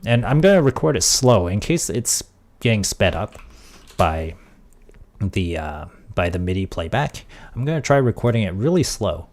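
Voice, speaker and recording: A man streaming casually, thinking aloud as he works on audio software and trailing off into quiet mutters. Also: on the low side, big pitch swings, normal speed. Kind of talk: casual tech livestream.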